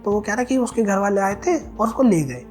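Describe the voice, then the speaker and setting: A young man with a fairly high voice recounts his own experience in an interview. He speaks haltingly, restarting sentences and acting out the lines of the people he quotes. Soft music plays faintly behind him. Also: lively intonation. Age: young adult. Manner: halting, with many restarts and acted-out quoted dialogue. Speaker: interviewed student.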